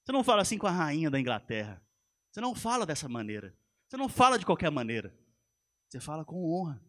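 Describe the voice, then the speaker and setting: A male pastor delivers a sermon, his high and bright voice carrying the story with animation. He speaks straight to his congregation as he goes. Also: big pitch swings, fast talker. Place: church.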